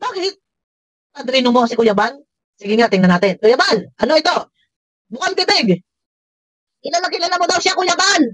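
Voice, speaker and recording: A woman's voice: sits high, dry recording. A woman reacting to a clip, scolding and mocking its speaker with frequent laughs. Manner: scolding, sarcastic, laughs often. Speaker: reaction vlogger. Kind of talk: reaction commentary.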